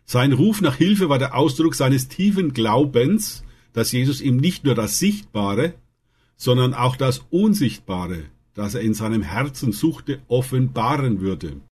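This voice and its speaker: A man narrating Bible stories in a calm, earnest way, lifting his voice for the quoted lines. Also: mid-range voice, measured pace, breathy edge. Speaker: Bible storyteller. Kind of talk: scripted Bible story narration.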